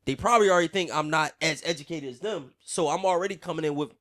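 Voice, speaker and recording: A man's voice: on the high side, fast, a bit bright. A young man speaking in a casual podcast discussion. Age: young adult.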